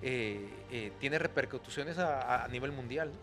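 A man's voice: mid-range voice, unhurried, music in the background. A middle-aged man, arguing earnestly as a panelist in a heated studio debate. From Mexico. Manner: earnest, explanatory, talks over others. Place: dark studio. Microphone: desk mic on boom arm.

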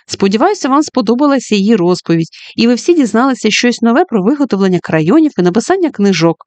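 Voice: mid-range voice, sing-song, fast, dry recording, pitched above the performer's own voice, lightly acted. A storybook reader voicing a friendly male schoolteacher who shares happy news with his class in an upbeat tone, heard dry and close. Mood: cheerful.

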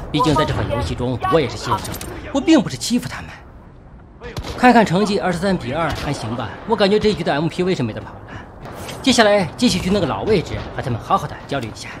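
A man's voice: fairly high pitch, noisy background. A man doing playfully boastful gameplay commentary, talking to himself as he plays. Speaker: gaming video host. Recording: game gunfire over the voice. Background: loud gunfire and clicks from a shooter game.

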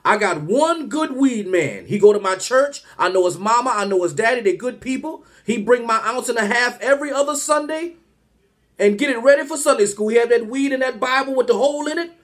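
A man in his thirties rants comically to the camera from a small room at home, animated and exasperated as he fires off rhetorical questions. His voice is extremely high-pitched and brisk.

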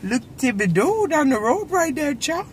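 A woman mimicking a folksy Cajun character with a halting, exaggerated imitation of a Louisiana accent. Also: a little high, huge pitch swings. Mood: playful. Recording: some noise, car interior.

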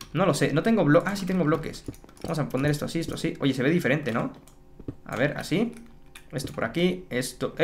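A man commentating his Minecraft play for viewers, excitable and chatty, repeating words and exclaiming. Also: fairly high pitch. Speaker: gaming YouTuber.

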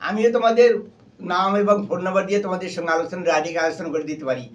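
A man's voice: high voice, very fast, lo-fi sound. A male harmonium and keyboard teacher, patiently explaining a music lesson and naming the notes one by one. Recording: voice a little far from the mic, with instrument playing.

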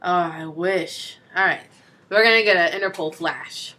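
A woman's voice: fairly low pitch, moderate pace, pushed and bright. A young woman co-hosting a let's play, chatting casually, giggling and reading game text aloud in a playful way. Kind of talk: casual gameplay chat.

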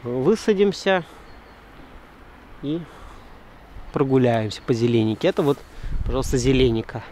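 A man's voice: medium pitch, lively intonation, moderate pace, long pauses. A man giving casual, playful running commentary outdoors while filming, picked up by a camera microphone. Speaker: sailing vlogger. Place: outdoors, mostly on a sailing boat deck. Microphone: handheld camera microphone. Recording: loud wind and boat engine noise. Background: wind, water and boat noise.

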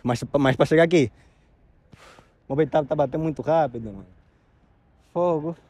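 A man's voice: on the high side, a little fast, a little mellow, no echo. A young man, hosting a casual on-location interview outdoors. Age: young adult. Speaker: vlog host interviewing locals. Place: outdoors in an abandoned high-rise and on its open roof. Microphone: handheld mic.

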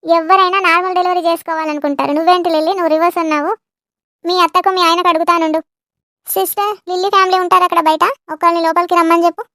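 A woman voicing a firm, calm hospital doctor who explains things to the family, in a cartoon. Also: very high-pitched, racing, dry recording, clean studio sound, exaggerated voice.

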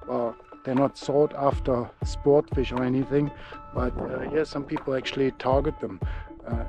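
A man in his thirties narrating a casual fishing vlog outdoors by a lake, chatty and a little unsure of himself, recorded on a handheld action camera. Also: medium pitch. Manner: relaxed, chatty, unsure asides. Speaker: fishing vlogger. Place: outdoors by a lake and in a camper van.

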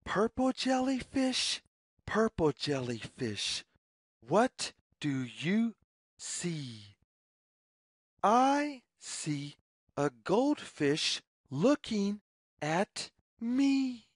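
A woman with a mid-pitched, slightly husky voice reads a children's picture book very slowly and deliberately, word by word through each phrase. Her delivery is very animated and sing-song, swinging up and down. The recording is studio quality with no echo.

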